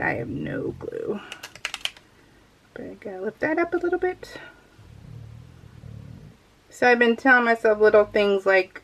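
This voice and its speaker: Working at an indoor craft table, this middle-aged American crafting vlogger describes her project live in a rambling, self-deprecating, informal chat. Her voice is mid-range, and the recording is rough.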